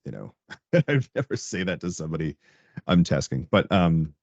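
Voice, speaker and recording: Deep-voiced man, animated podcast guest. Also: normal speed, dry recording, highs cut off. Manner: animated storyteller, laughs often, acts out coworkers' lines. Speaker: podcast guest, tech director. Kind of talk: casual interview chat.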